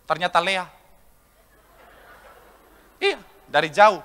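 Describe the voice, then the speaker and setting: A man preaching with a very high, bright, forceful voice, cracking jokes and slipping into playful impressions of couples. His words ring out through a large church hall with a long reverb from the live service. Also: sing-song, slow, smooth. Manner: joking, acts out couples' voices, addresses congregation as saudara. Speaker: pastor. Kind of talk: lively comic sermon.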